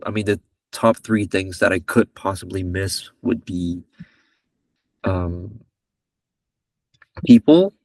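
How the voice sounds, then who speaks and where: A man's voice: low voice, fairly even intonation, slow pace, creaky, pauses often, a little mellow, no echo, recorded from a distance. A man in his twenties from Malaysia, a podcast guest chatting casually in a rambling, joking way that keeps correcting itself. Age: 20s. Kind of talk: casual chat.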